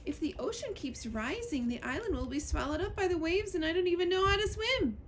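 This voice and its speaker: Small worried woodland creature female reader, high-pitched, chatty storybook voice. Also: expressive, a little fast, slight background noise. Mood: alarmed. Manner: wide-eyed, anxious, chattering. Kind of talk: storybook character voice.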